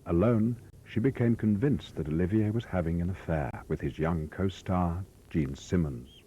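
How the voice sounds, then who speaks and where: A man narrating a television documentary in a calm, measured scripted voice. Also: deep voice, slight background noise. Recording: dull voice-over under music.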